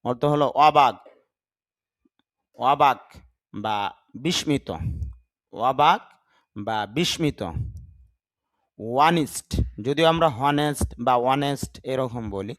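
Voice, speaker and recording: A man leads a vocabulary lesson at an unhurried, careful pace, repeating each word and spelling it out letter by letter. His voice sits at an ordinary middle pitch and sounds close and dry, with no room echo. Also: fairly bright tone. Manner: slow, deliberate, repeats words and spells them out. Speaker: English teacher. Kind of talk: vocabulary lesson with pronunciation drills.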